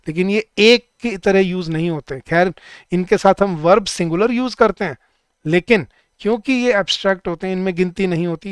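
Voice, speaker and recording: Crisp-voiced male exam tutor, clear and drilling. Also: sits high, dry recording. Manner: repeats words slowly and drills rules, asks the chat questions. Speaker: English teacher for bank exam students. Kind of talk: live online class.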